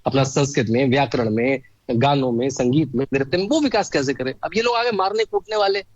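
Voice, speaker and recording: A man's voice: medium pitch, brisk, no echo, lo-fi sound. A man speaking as a guest in a conversation, giving emphatic political commentary and stacking up long lists of examples. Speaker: guest, author.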